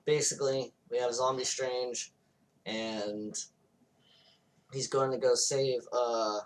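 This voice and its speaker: A man's voice: mid-range voice, fairly even intonation, takes it slowly, distant mic. A man co-hosting a podcast, retelling a movie plot in casual, profane chat. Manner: loose, profane retelling with acted-out quotes. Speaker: podcast co-host.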